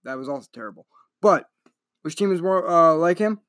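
Fast and chatty, a young podcast host rambles through his casual solo sports show, frequently correcting himself. His fairly high, fairly bright voice is captured in studio quality without echo.

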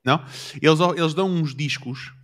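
A man's voice: fairly high pitch, fairly quick, fairly bright tone. A man with a European Portuguese accent chatting casually, using plenty of slang and swearing freely. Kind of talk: casual chat.

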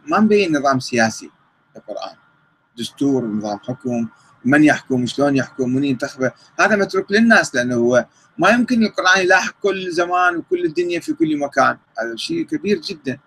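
A man's voice: a little high, sharp tone, a little hiss or hum, poor audio. A man with an Iraqi Arabic accent answering viewer questions in a live talk, reading them out and rebutting them conversationally.

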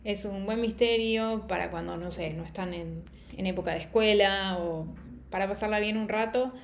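A young woman chatting casually in a book review vlog, opinionated and quick to laugh. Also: medium pitch, a little hiss or hum.

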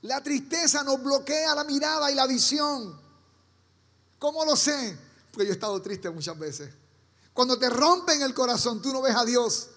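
A man's voice: very high-pitched, normal speed, fairly bright tone. A man preaching a sermon as pastor, firing rhetorical questions at the congregation. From Caribbean. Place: church. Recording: reverberant church hall.

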